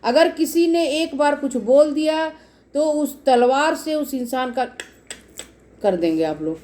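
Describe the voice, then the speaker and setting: This tarot reader has a high, animated voice with a warm tone and a measured pace. Casually addressing her viewers, she explains each card lengthily and repetitively.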